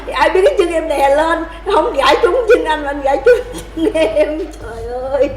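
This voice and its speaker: High-voiced woman, echoey. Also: normal speed. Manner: animated, laughing often, calls out toasts. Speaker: livestream host telling drinking stories to viewers. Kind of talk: casual storytelling chat.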